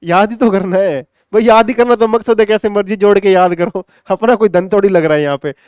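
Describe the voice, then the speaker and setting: A man runs an exam-prep vocabulary lesson, chatting and repeating key points to his students. His voice sits high and comes across smooth and clear. The sound is dry and close, with no room around it. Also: brisk, darkish tone, no room sound. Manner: chatty, repetitive, addresses students affectionately. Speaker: English teacher.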